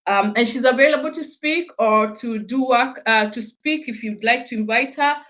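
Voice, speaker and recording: A woman's voice: on the high side, normal speed, a bit bright, dull audio. A woman hosting a live online interview, reading an introduction with many fillers and restarts. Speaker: host.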